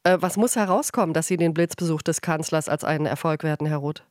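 A radio host asking brisk interview questions. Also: medium pitch, a little mellow, no room sound, clean studio sound.

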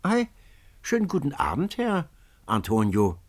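A man voicing a cheerful young boatman who calls out brightly and briskly. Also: mid-range voice, huge pitch swings, pitched above the performer's own voice. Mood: merry.

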